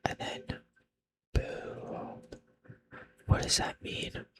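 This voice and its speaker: A man doing an unscripted ASMR whispered role-play, rambling playfully in a breathy, unvoiced whisper and repeating short phrases over and over. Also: very slow. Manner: playful, self-deprecating, teasing.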